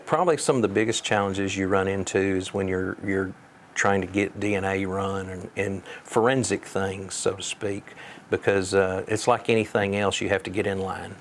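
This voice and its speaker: A man speaking as a sheriff in an interview, giving measured answers in a plain-spoken, folksy way. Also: low voice, fairly even intonation, slight background noise.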